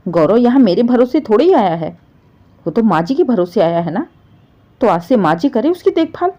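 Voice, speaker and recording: A young daughter-in-law, bitter and defiant, with a cold, sarcastic edge, as a woman reads her. The voice is mellow and dark-toned, and the recording sounds a little dull and lo-fi. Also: a little high, very animated, normal speed.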